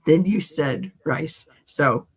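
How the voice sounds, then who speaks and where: A woman's voice: sits low, slow, husky. A woman in a casual chat, talking in a joking, salty, rambling way.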